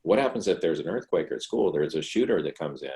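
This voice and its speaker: A man presenting a talk and answering questions in an online session, explaining in a relaxed conversational way with frequent restarts. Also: a bass voice, fast.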